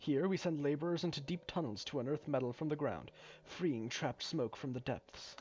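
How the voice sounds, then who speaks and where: Man voicing a polite, rambling mine overseer, halting speech, husky tone, dull lo-fi sound. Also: fairly high pitch, a little mellow, soft background music. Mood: explaining. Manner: halting, full of uhs and fumbling restarts. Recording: dull lo-fi recording.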